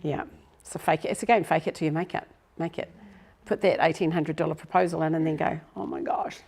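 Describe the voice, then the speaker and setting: A middle-aged woman coaches a live workshop group, her voice pitched low with a gravelly edge. She talks in a chatty, self-deprecating way to the people in the room. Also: fairly even intonation, fast talker, darkish tone. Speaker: business coach presenting a workshop.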